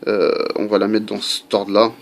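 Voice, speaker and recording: A man's voice: fairly low pitch, completely flat delivery, normal speed, vocal fry. A man giving a casual how-to video at home, chatty and full of fillers, with faint construction noise behind him. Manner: chatty, many fillers and asides. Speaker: airgun hobbyist demonstrating a part swap.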